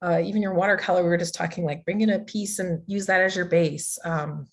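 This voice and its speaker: A woman's voice: lowish voice, steady tone, a little fast. A woman teaching an online digital art workshop over a video call, chatty and loose, with many fillers and restarts.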